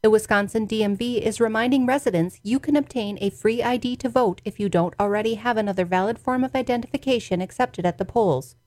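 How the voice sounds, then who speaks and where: A woman's voice: fairly high pitch, a little fast, few pauses, darkish tone, no echo. Dry-sounding female local news reader. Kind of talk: scripted local news announcements.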